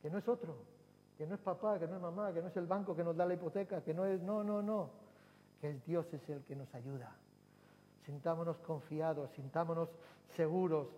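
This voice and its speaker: Pastor preaching in a hall. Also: male voice, on the high side, normal speed, warm tone. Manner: preaching with swelling emphatic cries and repetitions. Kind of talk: sermon. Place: church hall. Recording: long hall reverb, faint hum.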